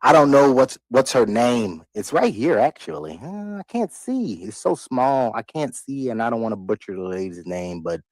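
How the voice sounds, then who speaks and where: A man's voice: medium pitch, sing-song, moderate pace, few pauses, dry recording. A man streaming live, giving loose, rambling reaction commentary into a microphone, repeating himself and laughing between remarks. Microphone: desk microphone.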